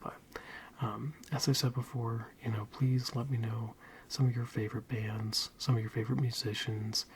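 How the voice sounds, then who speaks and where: A man giving a soft-spoken ASMR ramble in a breathy, mostly whispered voice, soothing and hesitant. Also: mid-range voice, flat delivery, moderate pace, a little hiss or hum. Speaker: ASMR video creator.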